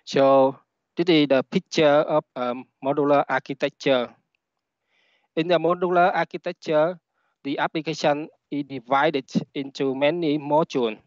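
A man with a Vietnamese accent, a native Vietnamese speaker, giving a halting technical presentation over a headset on an online call. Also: fairly high pitch, fairly even intonation, no room sound. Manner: halting, with repeated words. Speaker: conference speaker, software engineer. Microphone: headset on a video call. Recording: dull, lo-fi online call audio.

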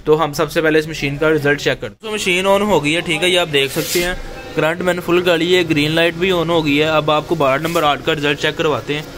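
A shopkeeper shows off machines in a relaxed, conversational product review, recorded inside his tool shop or workshop. He keeps saying "theek hai" as filler. His voice is a little high and a little quick, holding a steady tone.

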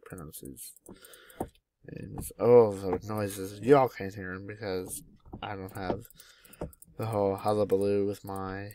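A man's voice: fairly low pitch, flat delivery, slow pace, pauses often, warm tone, slight background noise. A young man at home casually commenting on a game mod, chatty and easily delighted as he names each animal that appears. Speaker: gaming YouTuber.

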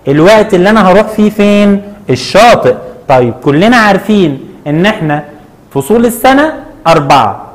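A man with an Egyptian accent teaching a children's lesson. He patiently asks questions and answers them himself, stretching words out slowly. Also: sits high. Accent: Egyptian Arabic. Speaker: primary school Arabic teacher.

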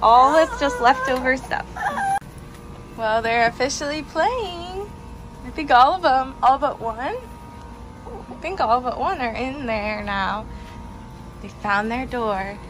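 A woman with a high, expressive voice talks slowly with long pauses, chatting upbeat as she films a casual home vlog on her phone in the backyard. The handheld phone recording sounds rough, with a music bed playing underneath.

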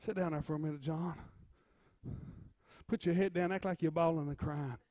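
A man preaching an impromptu sermon, swinging from hushed storytelling to rising shouts and repeating his words. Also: on the high side, steady tone, moderate pace, dry recording, studio quality. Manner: rhythmic preaching with "uh" before phrases.

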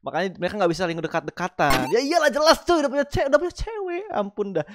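A young man giving excited gameplay commentary, laughing and slangy, reading game lines aloud. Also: high voice, very fast, slight background noise. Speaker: gaming YouTuber. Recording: game music playing behind.

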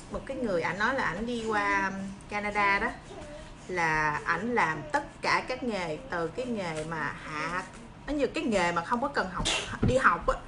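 A woman in her thirties with a southern Vietnamese accent talks casually to her viewers in an encouraging way. Her pitch sits in the middle for a woman. It is a phone recording made indoors, with clear noise behind her voice. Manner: encouraging, reassuring. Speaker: livestream host. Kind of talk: casual chat to viewers while eating and preparing fruit. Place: small room indoors. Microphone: phone propped at arm's length.

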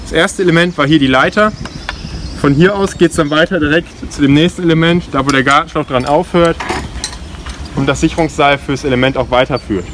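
Recorded on a camera mic a few steps away, a climbing instructor in his 20s explains safety in a casual briefing with demonstration at a forest ropes course outdoors. He speaks fairly quickly in a fairly high, fairly bright voice, with vehicles passing, gear clinking and clear outdoor noise around him.

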